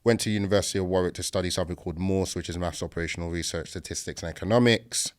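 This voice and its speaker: A man's voice: low voice, fairly even intonation, rapid-fire. A man with a south London accent telling his own story casually as a podcast guest, in a conversational, matter-of-fact way. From south London, England.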